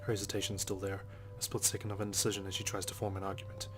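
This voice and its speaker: Game music plays as a low-voiced man reads out narration from a visual novel during a let's play. His pace is quick and his tone monotone, barely rising or falling.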